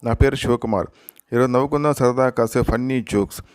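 A man reads short jokes aloud as the host of a joke channel, taking each line at an unhurried storyteller's pace and giving every part in his own plain voice. The voice sits in a middle register, recorded close and dry with no room sound. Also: mid-range voice, clear, resonant tone, dry recording.

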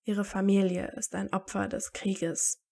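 A woman's voice: mid-range voice, little pitch movement, unhurried, gravelly, mellow. A woman reading aloud and voicing a tired teenage boy wizard who talks dryly and sarcastically. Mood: wry, tired. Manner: dry and sarcastic.

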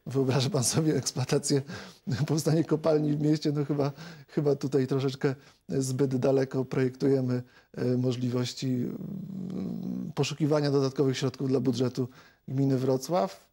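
A man in his forties, a member of parliament, answering questions in a TV studio interview in a measured, hesitant way with many filler sounds. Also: medium pitch, mellow, slightly rough. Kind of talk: televised political interview. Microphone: lapel mic.

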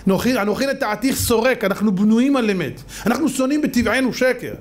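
A man preaching a fiery sermon as a rabbi, firing off rhetorical questions and often breaking into shouts. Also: very high voice, lively intonation.

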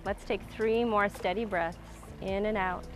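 A woman yoga instructor calmly leading a slow, grounding breath and body awareness exercise in a guided class. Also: mid-range voice, faint music behind. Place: outdoor waterside wooden deck.

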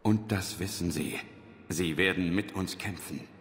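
Casting: resolute sci-fi game commander, very low voice, stern and blunt, long reverb around him. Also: male voice, unhurried. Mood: firm. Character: hard, resolute male human military commander. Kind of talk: dramatic video game acting. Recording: reverberant, faint noise and ambience.

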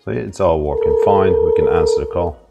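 An Irish installer casually narrates a step-by-step intercom setup tutorial, dropping in a few fillers. His low, gravelly voice moves briskly, but the highs are cut off and loud music plays behind him.

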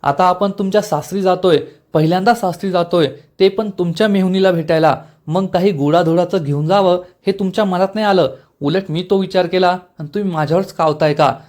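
Guy reading lines as a snappy young bride, bit high, always talking back. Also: darkish tone, lightly acted. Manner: quick-tempered, retorting. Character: feisty young village bride, woman.

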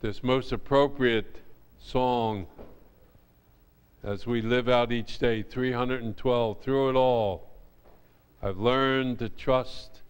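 An older male pastor leading a prayer and a hymn from the pulpit in a church sanctuary, speaking in a measured, reverent way into a pulpit microphone. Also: medium pitch, steady tone, clean tone. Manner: slow, measured, reverent delivery. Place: church sanctuary, large indoor hall. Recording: long reverb of a church hall.

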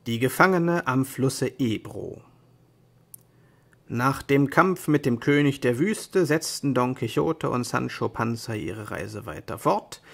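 Gravelly man reading a fairy tale. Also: medium pitch. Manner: measured, storybook narration. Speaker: storyteller.

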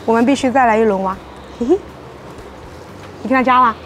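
A young woman with a fairly high voice hosts a casual eating vlog. She is playful and exclamatory, talking between bites at an outdoor restaurant table, with light street noise behind her. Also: brisk. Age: young adult. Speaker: food vlogger and host. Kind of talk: casual mukbang chat to camera.

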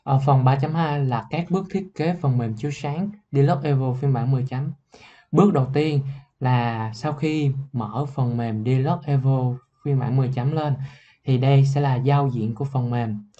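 A young man, a student, explaining software in a class report, halting at times and clearing his throat. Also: mid-range voice, dull audio. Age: young adult. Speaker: student presenter.

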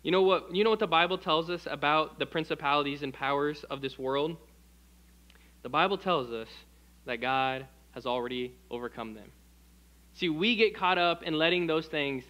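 A man's voice: on the high side, normal speed, sharp tone. A male American pastor preaching an evening sermon, asking the congregation questions and reading scripture aloud. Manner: acts out quoted voices with shifts in tone.

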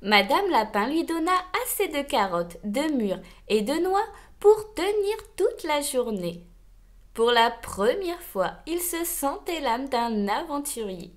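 A woman reading a children's storybook aloud, slow, expressive and gentle. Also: sits high.

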